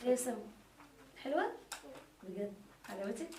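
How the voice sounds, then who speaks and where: A woman's voice: a little high, animated, normal speed. A mother with an Egyptian Arabic accent, chatting casually and teasingly with her daughter, often coaxing and laughing. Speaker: mother and vlogger. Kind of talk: casual family chat. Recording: echoey room, mic far off, faint noise.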